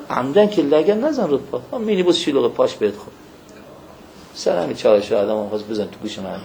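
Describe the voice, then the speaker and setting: A man's voice: a little high, vocal fry, a little hiss or hum, poor audio. A man giving an informal religious lecture to believers, telling stories. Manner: animated storytelling, addresses listeners as believers.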